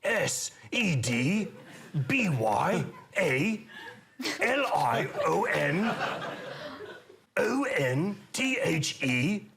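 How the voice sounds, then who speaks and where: A man's voice: sits high, big pitch swings, extremely slow, vocal fry, long pauses, a bit bright, exaggerated voice. A man doing a comic impression of an elderly naturalist narrator fleeing danger, spirited as he spells things out. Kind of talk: comic impression on a panel show. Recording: studio audience noise.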